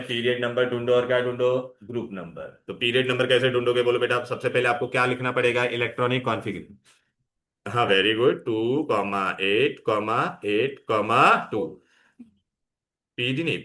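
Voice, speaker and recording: A man's voice: mid-range voice, steady tone, fairly quick, a bit bright. A man teaching chemistry in a classroom, coaxing his students along and mixing in English terms. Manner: coaxing, calls students "beta", mixes Hindi and English. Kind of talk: classroom lecture.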